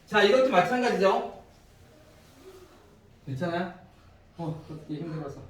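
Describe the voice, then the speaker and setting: High-voiced man teaching math in an echoey classroom. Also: expressive, unhurried, slight background noise. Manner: asks students frequent check-in questions. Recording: echoey room, distant mic.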